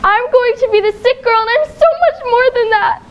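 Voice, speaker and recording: Woman voicing a teenage girl, high voice, frank, confiding, faint hiss. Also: normal speed, highs cut off, lightly acted. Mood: defiant. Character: teenage girl with cancer, defiant.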